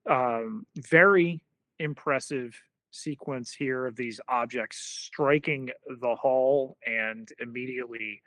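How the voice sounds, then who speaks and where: A man co-hosting a podcast, talking in a halting way with many pauses and fillers. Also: medium pitch, a bit bright, no room sound. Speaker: podcast co-host. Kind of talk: casual podcast discussion.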